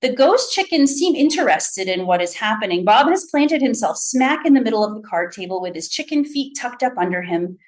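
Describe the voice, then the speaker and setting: A woman, an author, reading her fiction aloud with lively storytelling. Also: on the high side, brisk, hardly any pauses. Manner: lively storytelling, voicing a child narrator. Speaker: author and faculty reader.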